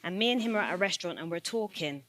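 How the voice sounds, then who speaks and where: A woman's voice: lowish voice, animated, very fast, fairly bright tone. A woman, an assistant principal, giving an earnest personal speech and building her points with a repeated rhetorical refrain. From United Kingdom.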